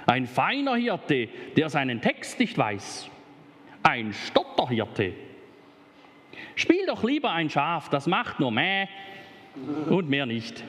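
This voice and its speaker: A man's voice: a little high, huge pitch swings, slow, long pauses, fairly bright tone, heavily acted. A man doing a mocking, bossy little girl. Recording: reverberant hall.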